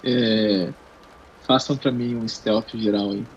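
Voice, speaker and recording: A man narrating as game master of a tabletop game, drawn-out and relaxed. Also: on the low side, a little hiss or hum. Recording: dull lo-fi recording.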